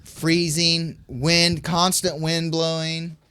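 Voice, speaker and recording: A man's voice: on the high side, slow pace, clear, resonant tone. A man co-hosting a casual podcast in a small studio, rambling and joking with friends. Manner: rambling, jokey, animated. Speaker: podcast co-host. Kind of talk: casual chat.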